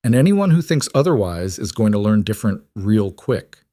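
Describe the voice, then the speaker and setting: A man's voice: on the low side, sing-song, moderate pace, warm tone, no echo, clean studio sound. A man playing a stern, ruthless cattle baron who talks in clipped, curt sentences.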